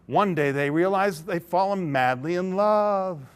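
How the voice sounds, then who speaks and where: A man's voice: sits high, a little slow, clear, resonant tone. A man giving an interactive keynote talk to a large audience. He tells a story, acts out its characters and laughs often. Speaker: keynote speaker. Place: large conference hall.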